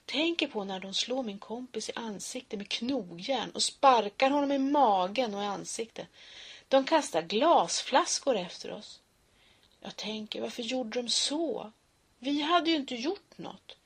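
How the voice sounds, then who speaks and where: A woman reads her poems and a story aloud. Her voice sits a little high and sounds husky and breathy. She keeps it soft and often sinks to a whisper. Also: animated. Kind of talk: reading poems and stories aloud.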